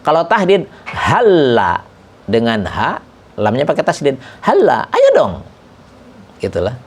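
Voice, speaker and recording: Man teaching a kitab lesson, lively rising and falling pitch, recites Arabic examples slowly. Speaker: religious teacher.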